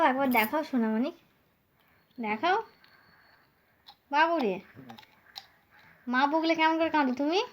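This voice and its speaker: A woman's voice: high voice, lo-fi sound. A woman filming her small child, coaxing her with sweet, repetitive questions in baby talk. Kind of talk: coaxing a toddler on camera.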